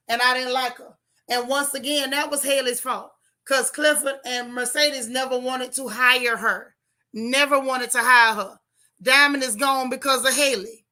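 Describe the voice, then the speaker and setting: On her casual livestream, a channel host reviews a TV show in a hoarse voice that sits high. She addresses her chat head-on with animated, strongly opinionated commentary.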